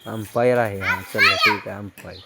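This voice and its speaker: A man gives excited running commentary on a game of rooftop cricket for his vlog, calling out to the kids and to his viewers. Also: fairly low pitch, moderate pace, heavy background noise. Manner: lively, calls out to kids and viewers. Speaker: vlogger. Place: outdoor rooftop terrace.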